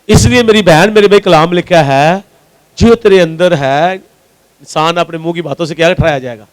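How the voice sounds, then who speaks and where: A man's voice: sits high, rough recording. A male pastor from Pakistan with a Punjabi accent, preaching a sermon and answering his own questions to the congregation. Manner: asks the congregation questions and answers them himself; repeats key lines for emphasis.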